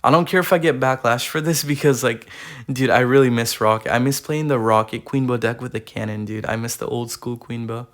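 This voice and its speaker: A young man giving casual, slangy gaming commentary while ranking cards, full of fillers, his voice going a bit hoarse, recorded on a tablet. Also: medium pitch, a little fast, fairly bright tone. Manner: rambling, slangy, filler-heavy. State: losing his voice. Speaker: gaming YouTuber. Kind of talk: casual tier-list commentary. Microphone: iPad recording.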